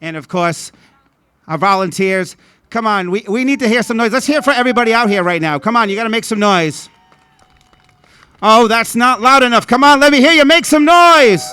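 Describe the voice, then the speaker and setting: A man hosting a rally, giving a loud, rousing speech and urging the crowd to respond. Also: very high-pitched, fairly quick, clear, resonant tone, no echo. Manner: loud, exhorting, repetitive calls for cheering. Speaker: rally host.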